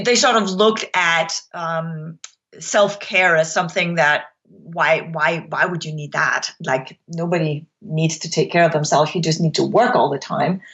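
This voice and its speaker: Guest, woman from Denmark, lowish voice, reflective and hesitant, slightly dull audio. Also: slow pace, a bit bright. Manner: reflective, hesitant with frequent ums. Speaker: podcast guest. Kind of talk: interview conversation.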